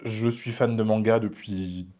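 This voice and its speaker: A man's voice: on the low side, fairly even intonation, measured pace, dark tone. A man chatting casually as a guest, in a slangy, informal way. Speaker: guest, horror film content creator. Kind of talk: casual chat.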